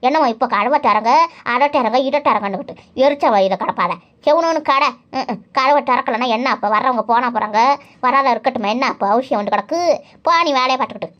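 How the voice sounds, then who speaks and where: A woman voicing a high, nagging old mother-in-law. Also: fast, a bit bright, close to an everyday voice. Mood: scolding. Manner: nagging, sarcastic, grumbling. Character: scolding elderly mother-in-law, bitter and quarrelsome. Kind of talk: cartoon voice acting. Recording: dull lo-fi recording.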